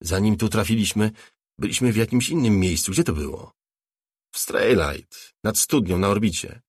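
A man voicing a rough, wary male thug in an audiobook, blunt and puzzled. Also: on the low side, lively intonation, normal speed, dry recording, clean studio sound.

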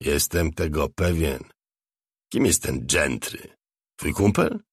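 A man's voice: extremely low pitch, expressive, slow, breathy edge, no echo, studio quality, pitched below the performer's own voice, heavily acted. A man voicing a cocky, sardonic wealthy man who fires off blunt, probing questions.

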